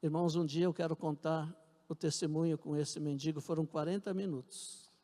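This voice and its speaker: Brazilian pastor preaching in an echoing church. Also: male voice, fairly high pitch, steady tone, moderate pace, dark tone. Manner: earnest preaching with repeated phrases. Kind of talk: sermon with personal testimony. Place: church sanctuary.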